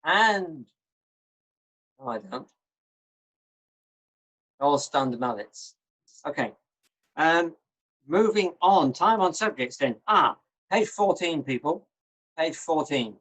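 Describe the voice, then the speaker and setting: An older man leads a class over a video call. He speaks in a measured, encouraging, teacherly way. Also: fairly high pitch, animated, a bit bright, low-quality recording. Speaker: lecturer. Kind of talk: online lecture.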